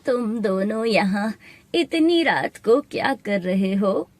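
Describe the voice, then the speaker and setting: A woman voicing a kind, mysterious old woman who gives slow, soothing guidance. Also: mid-range voice, lively intonation, no room sound.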